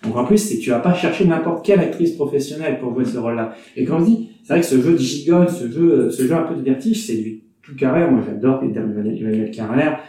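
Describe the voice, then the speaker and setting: A man's voice: mid-range voice, quick pace, hardly any pauses, mellow, very echoey, recorded from a distance. A man giving his film opinions in a casual panel talk, enthusiastic with stumbling restarts. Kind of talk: casual discussion.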